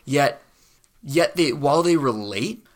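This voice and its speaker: A young man co-hosting a casual podcast from a studio, talking in a relaxed, halting way with fillers. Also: a little high. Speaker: podcast co-host.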